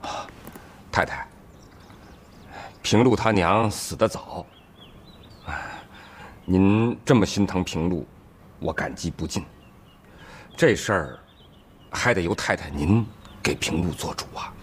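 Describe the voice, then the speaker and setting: A man's voice: deep voice, slow pace, pauses often, a little hiss or hum. An older actor playing a stern father who lectures in an indignant tone in a TV drama. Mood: humble pleading. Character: stern old father defending his daughter. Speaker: father of the young woman. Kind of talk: TV drama acting.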